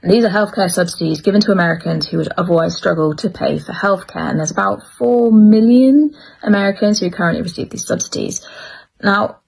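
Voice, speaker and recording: A woman commentator explaining the news in a measured, explanatory way. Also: medium pitch, vocal fry, darkish tone, a little hiss or hum, rough recording.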